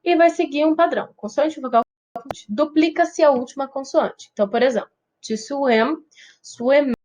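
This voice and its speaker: Brazilian lady teacher explaining english grammar, bit high voice, keeps checking in with the class. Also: normal speed, a little mellow. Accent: Brazilian Portuguese. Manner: patient explaining, checks in with students often. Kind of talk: recorded grammar lesson.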